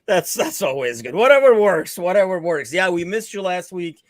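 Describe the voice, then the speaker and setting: A man from Turkey hosts a live football podcast in Chicago, chatting loosely with lots of fillers. His voice sits high with lively intonation at a moderate pace, and the sound is clean studio audio with no room sound.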